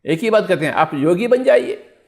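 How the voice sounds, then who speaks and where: Very animated and at normal speed, a high-voiced man teaches meditation through a spiritual discourse. He urges his listeners on, repeats key phrases and poses rhetorical questions to them.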